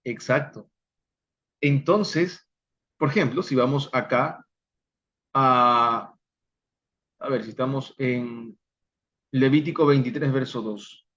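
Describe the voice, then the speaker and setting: A man teaching an online Bible study, slowly and deliberately sounding out Hebrew words for his listeners. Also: mid-range voice, fairly bright tone, lo-fi sound.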